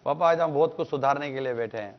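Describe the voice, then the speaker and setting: A man's voice: medium pitch, dull audio. A man from Pakistan co-hosting a religious TV talk show, addressing viewers and inviting their calls. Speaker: co-host.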